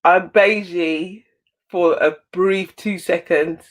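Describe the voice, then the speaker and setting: A woman from Antigua, a guest in a casual online chat, talking lively and bantering playfully over a video call. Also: lowish voice, slow pace.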